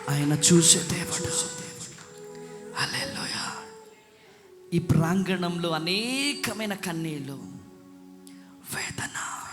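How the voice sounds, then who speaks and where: A man with a high voice preaches slowly and with passion, sinking to near-whispers and then shouting out. His sermon rings through a large hall with a long reverb. Music plays clearly underneath. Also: animated. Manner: impassioned, swings from hushed to shouting. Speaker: pastor.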